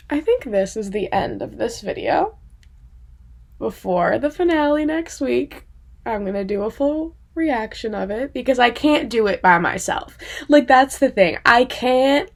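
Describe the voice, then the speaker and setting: A woman's voice: on the high side, lively intonation, measured pace. A young woman vlogging in a casual, rambling way, emotional, with lots of fillers and some swearing. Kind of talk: casual chat to camera.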